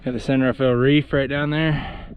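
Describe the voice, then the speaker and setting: A man's voice: medium pitch, flat delivery, moderate pace. A man narrates a casual outdoor adventure vlog in a folksy, enthusiastic way. Strong wind noise runs behind his voice, and the sound is somewhat dull and lo-fi. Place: outdoors in windy open desert. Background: blowing wind.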